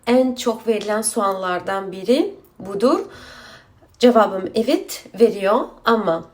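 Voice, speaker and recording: In a casual Q&A explainer on seeking asylum, a woman speaks slowly in halting, broken Turkish, a non-native speaker mixing in Azerbaijani and bearing its accent. Her medium-pitched voice is expressive and somewhat dark in tone.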